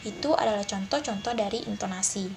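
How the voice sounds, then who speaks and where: A young woman, a university student, giving a class presentation and explaining example sentences, pausing often with fillers. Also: mid-range voice, creaky, a little mellow, faint music behind.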